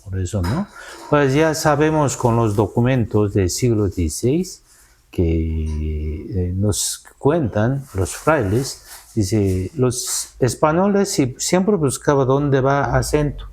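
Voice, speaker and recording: With a mid-range, slightly mellow voice, a South Korean man speaks very animatedly while fielding interview questions as a scholar. His Spanish is non-native, halting and careful, colored by a Korean accent and frequent "¿no?" tags.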